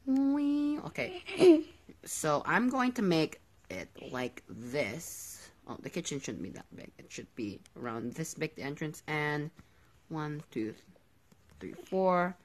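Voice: medium pitch, very animated, unhurried. A gaming video host giving casual commentary while playing, often repeating words and phrases.

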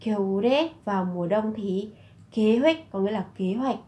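A woman from Vietnam, teaching Korean phrases slowly and repeating each one before explaining it. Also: medium pitch, mellow. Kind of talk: slow explanatory lesson narration.

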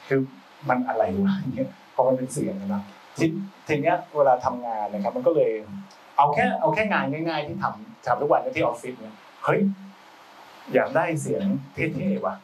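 A man's voice: medium pitch, expressive, normal speed, darkish tone. A man who works as a film sound designer, talking casually as a guest in loose, chatty speech full of restarts and slang. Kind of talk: casual talk-show conversation. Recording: voice a bit far from the mic, faint background noise.

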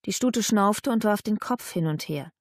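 A woman narrates a historical novel in a steady storytelling manner. Her voice sits at a middle pitch, recorded close and completely dry. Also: normal speed, dry recording. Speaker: audiobook narrator. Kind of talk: scripted audiobook narration.

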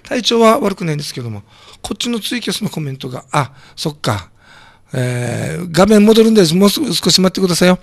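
A hoarse man with a throat cold hosting a community radio show, chatting casually and joking while reading listener comments. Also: high-pitched, sing-song, fast, dry recording, clean studio sound. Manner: chatty, jokey, reacts to comments aloud. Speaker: radio host.

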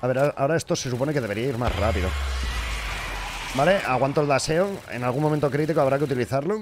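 A man's voice: medium pitch, quick pace, noisy background. A young man, commenting live on his own gameplay, frustrated, swearing often and talking to the game. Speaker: gaming streamer.

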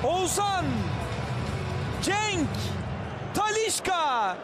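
A man working as a football commentator, calling matches live and excitedly shouting players' names and goals. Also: very high voice, drawn-out words, over loud music. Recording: loud stadium crowd, noisy broadcast audio. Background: roaring football crowd.

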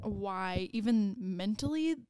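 A woman's voice: medium pitch, expressive, takes it slowly, warm tone, smooth, dry recording, studio quality. A pregnant woman in her twenties co-hosting a casual podcast chat, rambling and giggling with lots of "like"s. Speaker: podcast co-host.

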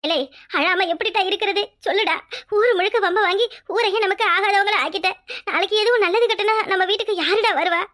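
A woman's voice: very high voice, quick pace, a bit bright. A woman voicing a worried, tearful older village mother and sister in a cartoon, pleading and scolding. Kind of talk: cartoon voice acting.

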